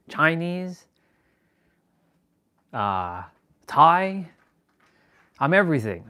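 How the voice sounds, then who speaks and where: A man's voice: mid-range voice, a bit bright, clean tone. A man hosting a live stream, talking in a rambling, self-assured spiritual monologue and restarting sentences as he goes.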